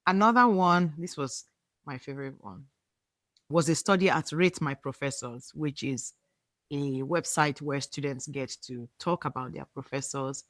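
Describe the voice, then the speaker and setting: A woman hosting a podcast, delivering scripted explanatory narration in deliberate, emphatic short phrases. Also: deep voice, no room sound, clean studio sound. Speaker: podcast host.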